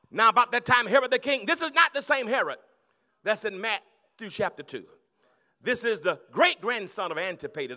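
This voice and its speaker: A middle-aged man preaching a sermon on a handheld mic in a large banquet hall, moving between hushed storytelling and loud shouting. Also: high voice. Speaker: pastor.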